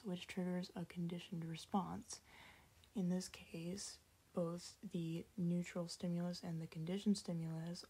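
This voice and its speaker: A young woman explaining a class project in a tired, half-whispered voice, deadpan and sarcastic. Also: fairly low pitch, husky. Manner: sarcastic, deadpan self-mocking. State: tired, late at night. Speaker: student presenting a class project. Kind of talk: casual explanatory voice-over.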